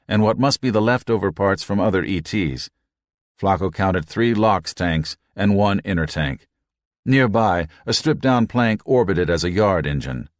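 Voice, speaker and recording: A man reading an audiobook in a measured, even narration. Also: deep voice, no echo, clean studio sound. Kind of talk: scripted narration.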